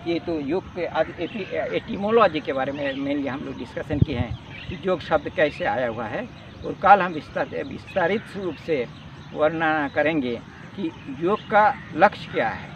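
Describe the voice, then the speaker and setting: A man with a high, lively voice teaches a yoga lesson, explaining earnestly and repeating key words. He sounds set back from the mic. The lo-fi recording carries a faint outdoor hum. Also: unhurried, far from the mic.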